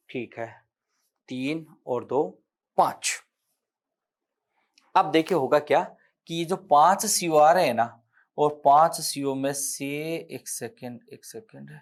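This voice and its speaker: A man with a Rajasthani accent teaching an exam-prep chemistry lecture, explaining step by step, counting aloud and correcting himself as he writes on the board. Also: fairly high pitch.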